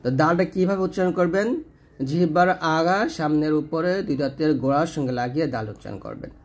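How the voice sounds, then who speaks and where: A man with a slightly high-pitched voice gives a patient pronunciation lesson. He draws out each letter sound slowly to demonstrate it, then explains it step by step. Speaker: Quran reading teacher.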